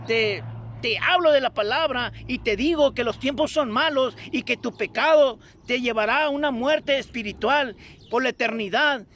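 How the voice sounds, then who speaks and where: A man with a very high, slightly bright voice delivers a fervent sermon over a streamed broadcast. He urges his listeners on, repeating insistent phrases again and again.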